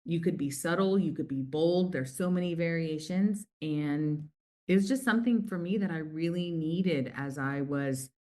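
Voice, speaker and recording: A woman's voice: deep voice, moderate pace. A middle-aged woman from the United States, a company founder, telling stories chattily with lots of fillers in an interview. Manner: chatty, warm storytelling with many fillers. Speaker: guest, lip color company founder. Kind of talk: casual interview conversation.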